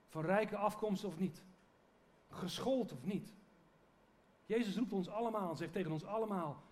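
Preacher, male, higher-pitched, earnest conversational sermon with restarts. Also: darkish tone. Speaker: pastor.

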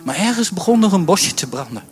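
A man preaching a sermon from a church stage, impassioned and building to near shouting, often repeating words as he starts a sentence. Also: high-pitched, big pitch swings, brisk, faint music behind. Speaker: pastor.

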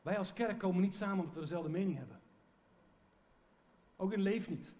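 High-voiced man preaching earnestly. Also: fairly quick, darkish tone. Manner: earnest, conversational preaching with restarts. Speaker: pastor. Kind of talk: sermon.

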